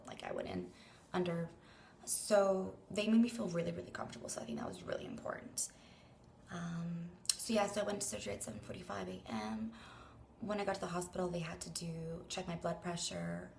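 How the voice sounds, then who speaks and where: A woman's voice: fairly low pitch, gravelly, slight background noise. A young Canadian woman who sounds tired and weak after surgery, rambling hesitantly through a casual vlog and trailing off breathily into near-whispers. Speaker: vlogger.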